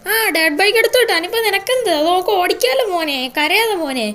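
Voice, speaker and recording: A woman voicing a worried, doting old grandmother who frets and pleads in a high, shrill voice. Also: lively intonation, fast, fairly bright tone. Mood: fussing. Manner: wailing, pleading, high-pitched.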